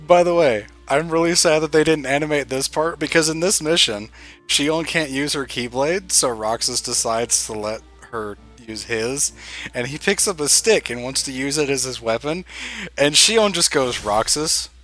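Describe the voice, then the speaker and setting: A man with a medium-pitched voice chatting as a game commentator. He is casual and critical, with soft music playing behind him. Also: normal speed. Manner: critical, complaining.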